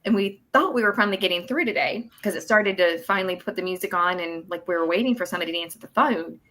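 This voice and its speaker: A woman's voice: on the low side, quick pace, sharp tone. A woman, a guest on a talk show, explaining benefit rules at length in a casual, chatty way. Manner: explanatory, talks at length with fillers. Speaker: work incentives coordinator guest. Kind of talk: casual chat on a podcast.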